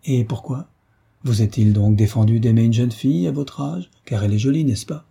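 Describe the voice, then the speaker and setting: A man's voice: medium pitch, moderate pace, vocal fry, dark tone, slightly rough. A man voicing a gracious, teasing royal princess in an audiobook story, raised to a lighter, playful tone.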